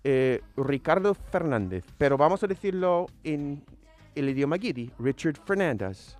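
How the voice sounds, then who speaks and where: Brief: non-native male co-host, high voice, dry booth sound, gropes for words. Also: lively intonation, a little slow, darkish tone, no echo, soft background music. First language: English. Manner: searches for Spanish words mid-sentence. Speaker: co-host and former teacher. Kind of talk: casual radio chat.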